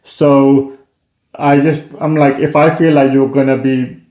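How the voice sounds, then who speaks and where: A man's voice: medium pitch, flat delivery, measured pace. A man co-hosting a vlog in casual conversation, earnest and often checking that the listener understands. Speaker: co-host of a couple's vlog. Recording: echoey room, slightly dull sound.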